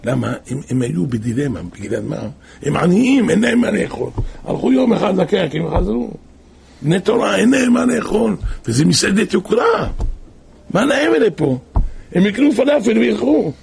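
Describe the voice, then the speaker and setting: Gravelly animated Hebrew preacher man. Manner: animated storyteller with wide pitch swings. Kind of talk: animated moral storytelling sermon.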